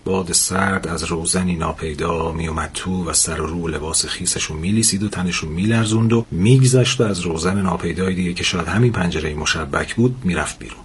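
A man narrating a novel in a steady, measured audiobook reading. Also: sits low, slight background noise.

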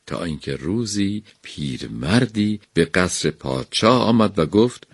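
A man reads a folk tale aloud in a measured, even storyteller's voice. His pitch sits very low and deep. The sound is dry, with no room echo. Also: slightly rough. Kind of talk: scripted narration of a folk tale.

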